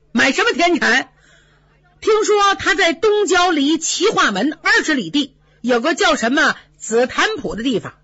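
A woman voicing a frightened young nobleman son who pleads and dodges in a high, nervous voice. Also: sharp tone, dry recording, lo-fi sound, exaggerated voice.

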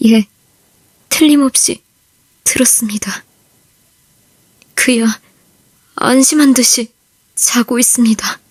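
A woman's voice: medium pitch, completely flat delivery, measured pace, long pauses, husky, no echo. A woman playing an earnest, dutiful young female soldier reporting to a superior, in an anime dub style. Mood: subdued, sorrowful.

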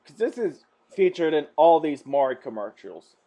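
A man reacting to memes in a casual vlog. He laughs often, swears freely and jumps from mumbling to yelling. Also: a little high, very animated, normal speed, lo-fi sound. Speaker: meme reviewer. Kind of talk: casual meme commentary vlog.

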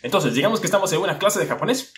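A man's voice: sits high, lively intonation, racing. A young man giving a casual spoken lesson, talking to the viewer with lots of questions. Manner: conversational, asks the viewer questions, acts out a teacher. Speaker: language-learning YouTuber. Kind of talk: casual explanatory monologue.

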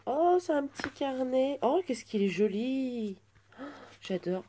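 A woman in her twenties chatting through an unboxing at home, gushing with soft exclamations. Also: high-pitched, expressive, a little slow, slight background noise. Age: 20s. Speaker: vlogger unboxing a birthday gift. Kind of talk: casual unboxing chat.

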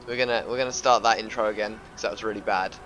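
Rambling gamer man, bright voice. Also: lowish voice, steady tone, fast, slight background noise, rough recording. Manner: rambling, stammering, bursts into panicked yelling. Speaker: gaming commentator. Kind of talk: casual gameplay commentary.

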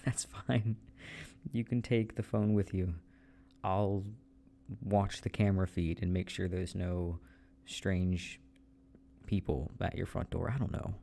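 Male ASMR voice, whispered role-play: dark mellow tone, unhurried, playful coaxing. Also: sits low, flat delivery, gravelly, slight background noise. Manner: teasing, coaxing, laughs often.

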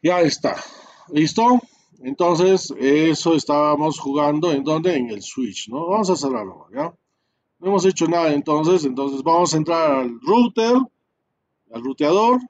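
Male instructor, higher-pitched, steps through commands slowly with fillers; dull lo-fi recording. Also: lively intonation, slight background noise. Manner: explains step by step, many fillers and tag questions. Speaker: networking instructor. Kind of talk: live screen-share class.

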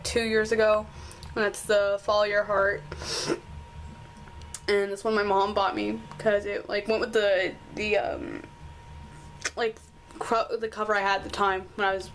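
A teenage girl, hoarse from a cold, chatting apologetically with lots of fillers as she films a tour of her bedroom. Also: medium pitch, slight background noise, poor audio. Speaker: vlogger. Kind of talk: casual room tour vlog. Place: bedroom at home.

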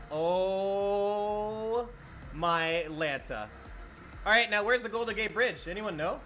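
A man streaming a flight game live, chatting excitably, swearing and laughing at himself. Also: high-pitched. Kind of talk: live-streamed gameplay commentary.

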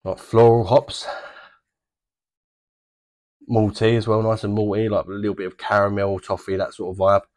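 A man's voice: on the low side, flat delivery, moderate pace, long pauses, darkish tone. A man in his thirties with a British accent, casually reviewing a beer to camera from a small home bar, chatty and easygoing with plenty of fillers. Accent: British English.

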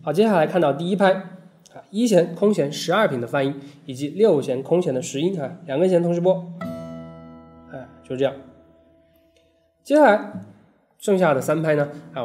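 A man gives a patient, step-by-step fingerstyle guitar lesson, sprinkling his explanations with small interjections. His voice sits a little high, and faint guitar music plays behind him. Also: darkish tone. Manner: patient step-by-step instruction with frequent "hao" and "ai" fillers. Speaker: guitar teacher. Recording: guitar playing between phrases.

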